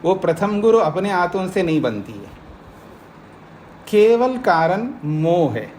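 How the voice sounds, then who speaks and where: Guy giving a slow patient class lecture, keeps asking do you get it, a bit higher voice, faint hiss behind. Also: very animated, darkish tone. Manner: explains slowly, keeps checking the listeners follow. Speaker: teacher of Nyaya philosophy, swami. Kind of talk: Hindi scripture lecture to a class.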